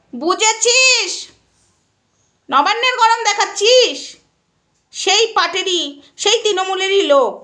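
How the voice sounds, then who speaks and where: A woman's voice: very high voice, pushed and bright. A woman vlogger scolding and taunting a rival straight to camera, firing rhetorical questions at her. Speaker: social media vlogger. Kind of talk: angry callout vlog addressed to a rival.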